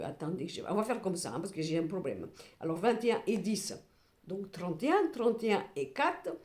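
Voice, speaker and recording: A woman clairvoyant reads cards for her viewers, with a lively pitch that rises and falls widely. She talks expressively and breaks into exasperated, comic asides. The recording has a noticeable room echo. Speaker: clairvoyant card reader. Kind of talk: card reading addressed to viewers. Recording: roomy echo.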